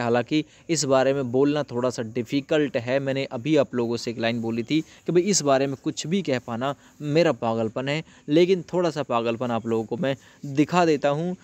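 A man with a medium-pitched, darkish voice hosts an exam update channel. In an informal explainer for viewers about exam news, he talks in a familiar way and repeats phrases for emphasis.

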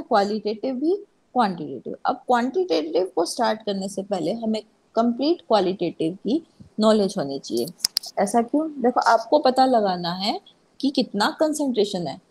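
A woman teaching chemistry to a class, asking herself questions and answering them. Her voice sits a little high, with a husky edge and a gravelly fry. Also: darkish tone, rough recording. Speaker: chemistry lecturer. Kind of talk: classroom lecture.

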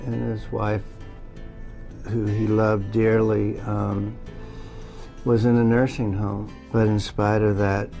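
An older man with a lowish voice talks reflectively in an interview, often pausing and restarting his phrases. He sits indoors on a lapel mic, and music plays clearly beneath him. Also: little pitch movement, warm tone. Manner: thoughtful, with restarts. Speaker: photographer. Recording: interview with music bed behind.

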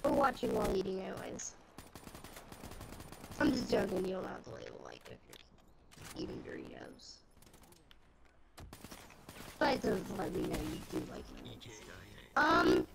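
A male host of a gaming video giving casual, rambling, excitable commentary while playing, his voice coming through with a robotic, glitchy distortion. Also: a bass voice, moderate pace, vocal fry, long pauses. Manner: rambling, excitable, filler-heavy. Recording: loud game noise behind voice.

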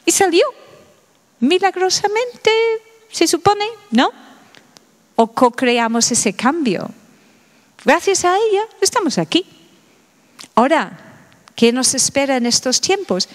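Middle-aged woman lecturer, slow and unhurried, high voice, full of rhetorical questions, long hall reverb. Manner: asks the audience many rhetorical questions. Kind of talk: public lecture.

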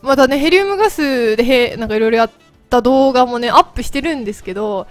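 Chatty woman with a quick, high voice. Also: lively intonation, faint music behind. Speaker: host of a mobile game channel. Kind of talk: casual chat to viewers.

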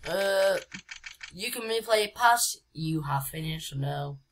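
A woman's voice: fairly low pitch, animated, slow, background noise. A woman giving casual gameplay commentary as a YouTuber, chatty and reading on-screen game text aloud with lots of "uh"s. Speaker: gaming YouTuber. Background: background music.

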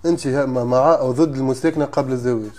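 Fast-talking Tunisian male interviewer. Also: mid-range voice, steady tone, darkish tone, soft background music. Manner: short probing questions. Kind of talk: casual interview questioning. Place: indoor studio set with armchairs.

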